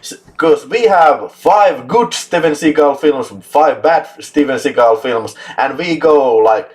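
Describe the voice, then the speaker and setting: A man's voice: a little high, unhurried. A man from Finland with a Finnish accent, hosting a casual live chat, enthusiastic, laughing often and swearing for emphasis. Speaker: host.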